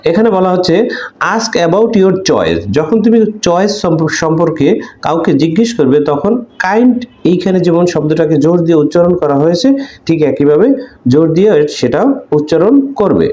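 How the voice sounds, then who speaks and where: A man teaching an English lesson in a classroom style, explaining in Bengali and reading English sentences slowly with deliberate stress, pausing on fillers. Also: a little high, lively intonation, warm tone, echoey room, lo-fi sound. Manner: hesitant fillers between phrases.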